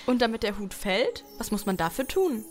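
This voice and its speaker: A woman's voice: on the high side, sing-song, normal speed. A woman voicing the Little Prince, an earnest, curious boy, in a radio play. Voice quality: earnest, wondering. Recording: loud music underneath.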